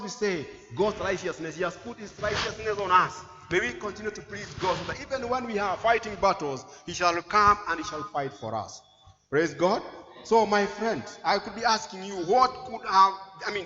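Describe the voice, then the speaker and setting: A man preaching a sermon in a church, emphatic, repeating phrases and swinging between loud and soft. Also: high-pitched, lively intonation, moderate pace, big-room sound, highs cut off.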